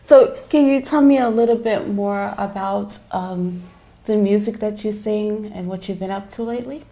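A woman hosting a TV talk show, asking chatty, soft-spoken interview questions and often laughing. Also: medium pitch, normal speed. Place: indoor TV studio set.

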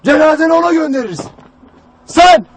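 A harsh army commander barks at his recruits in a strained, very high voice. He is stern and unforgiving, berating them from a war film drama. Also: animated, fairly quick. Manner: barking, harsh, shouts accusations at recruits.

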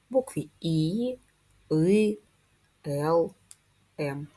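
Woman, first-grade teacher; low, husky voice, patient and slow, stretches each sound. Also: a little mellow. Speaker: primary school teacher. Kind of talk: video lesson for first graders.

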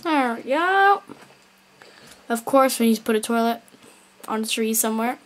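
A woman's voice: on the high side, level tone, fairly quick. A woman rambling through casual gameplay commentary, mumbling and correcting herself as she goes. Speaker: gameplay video maker.

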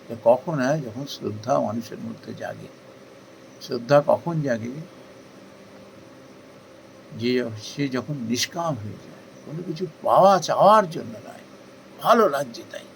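A man delivers a devotional talk at a middling pitch. He speaks earnestly and persuasively, posing questions and answering them, lifting his voice for emphasis before dropping back down. A faint hiss of noise sits under the recording. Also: lively intonation, moderate pace, vocal fry, long pauses, rough recording. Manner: earnest, rhetorical questions, rising emphasis then softening. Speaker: spiritual speaker. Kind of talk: devotional discourse.

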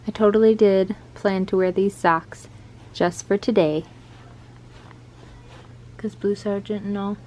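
This young adult American book vlogger chats reflectively and informally to camera from her bedroom, her medium-pitched voice dark in tone and fairly even in intonation. She takes her time, leaving long pauses, and clear ambient room noise fills the background.

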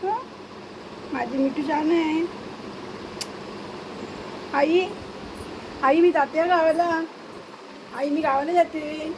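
A woman with a high voice chats in a casual home vlog. She coaxes her pets in soft, repetitive baby talk. Loud background noise and passing vehicles run under her voice. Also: fairly even intonation, slow pace, long pauses. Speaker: vlogger.

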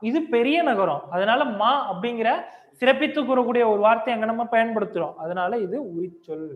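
A man teaches a grammar lesson with a high voice, questioning his students and repeating each key point. The sound is thin and phone-like. A long reverb from the lecture hall trails every phrase. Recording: echoey, tinny lo-fi hall recording.

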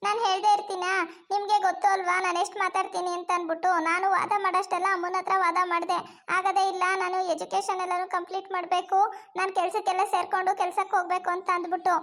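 A woman with a very high, flat-sounding voice acts in a village comedy skit. She pleads and scolds in turn as a mother and a daughter. Her pitch barely moves. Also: quick pace.

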